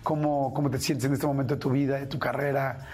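A man's voice: medium pitch, level tone, quick pace, darkish tone, husky, faint music behind. A man with a Mexican accent hosting a radio show and interviewing in a conversational way.

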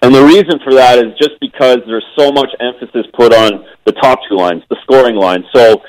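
A man, a former goaltender, giving hockey analysis over a phone line on a radio show, measured, with frequent ums and restarts. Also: medium pitch, a little mellow, dry recording.

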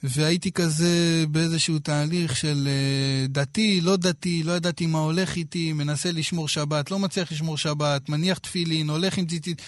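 A man in his thirties from Israel, telling a personal story in a casual, lively way with quoted dialogue. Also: fairly high pitch, hardly any pauses, dry recording, clean studio sound. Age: 30s.

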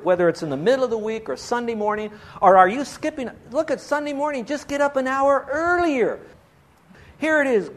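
A male pastor with a notably high voice delivers a sermon. He pleads earnestly and leans on rhetorical questions to press his point.

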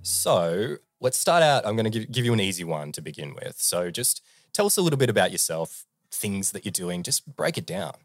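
A man's voice: lowish voice, very animated, moderate pace, few pauses, dry recording, studio quality. A man hosting an interview podcast, upbeat and conversational. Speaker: podcast host.

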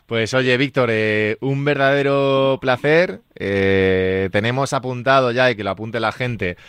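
Smooth-voiced male sports radio host. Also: mid-range voice, measured pace, a bit bright, no room sound. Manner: friendly, brief interjections, wraps up the show. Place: radio studio.

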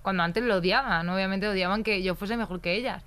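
A woman's voice: medium pitch, fairly quick, a bit bright, clean tone. A young woman, a football player talking as a guest, blunt and emphatic, swearing freely. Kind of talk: casual podcast chat.

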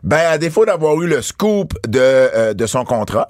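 A man's voice: mid-range voice, very animated, moderate pace, a little mellow, no echo, studio quality. A man, co-hosting a casual podcast chat, talkative with lots of fillers and restarts. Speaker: podcast co-host.

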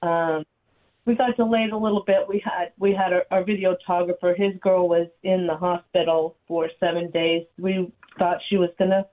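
A woman's voice: fairly low pitch, steady tone, moderate pace. A woman from a record label giving a chatty, rambling update on a talk radio show, heard through a narrow lo-fi AM radio sound. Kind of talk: casual on-air update. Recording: tinny phone-like AM radio line.

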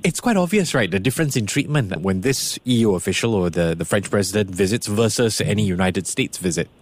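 A man's voice: fairly low pitch, lively intonation, brisk. A male radio host interviewing a guest in a conversational, lightly playful way. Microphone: studio mic.

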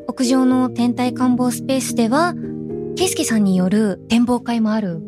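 Fairly high-voiced woman hosting an interview. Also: normal speed. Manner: courteous, attentive, frequent backchannel responses. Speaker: interviewer, show host. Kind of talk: polite broadcast interview hosting. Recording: music playing behind the voice.

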